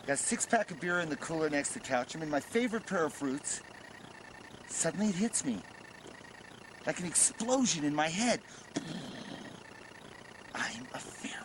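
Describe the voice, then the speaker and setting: A man's voice: fairly high pitch, sing-song, moderate pace, long pauses, noisy background. A man delivering a comic confessional monologue, stammering and repeating words in frantic, self-mocking bursts.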